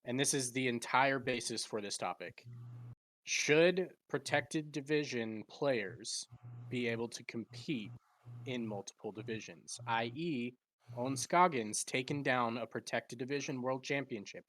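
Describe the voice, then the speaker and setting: A man's voice: medium pitch, a little slow, fairly bright tone, no room sound. Nevada guy hosting a podcast, reads results, playful, dry sound. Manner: reads out results, playful about stirring drama. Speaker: podcast host. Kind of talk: casual podcast chat.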